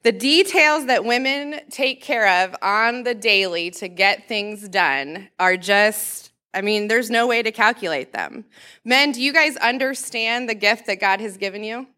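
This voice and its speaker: A pastor's wife gives a Mother's Day message to a church congregation in the sanctuary, including a story she reads aloud. Warm but a little nervous, she laughs often, speaks a little high and a little slow, and says she has a loud voice. Because of that, she holds her handheld mic away from her mouth.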